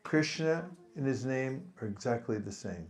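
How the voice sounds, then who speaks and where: A man giving a spiritual talk to a gathering, speaking slowly and deliberately and pausing for his translator. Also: medium pitch, lively intonation. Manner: slow, deliberate, leads group chanting. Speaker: visiting speaker.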